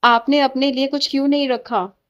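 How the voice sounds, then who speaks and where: A woman's voice: high voice, steady tone, normal speed, highs cut off, lightly acted. A woman voicing a worried, scolding mother. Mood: angry, worried. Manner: anxious, reproachful.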